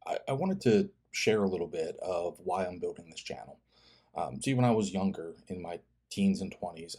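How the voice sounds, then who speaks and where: A man in his fifties talking to viewers in a personal vlog, earnest and halting, often restarting his words. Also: sits low, dark tone, husky. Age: 50s. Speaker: fitness channel creator and host.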